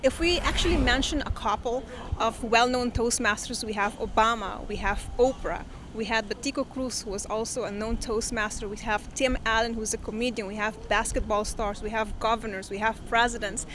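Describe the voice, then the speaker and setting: A woman's voice: on the high side, moderate pace, noisy background. A woman being interviewed, explaining informally and promotionally.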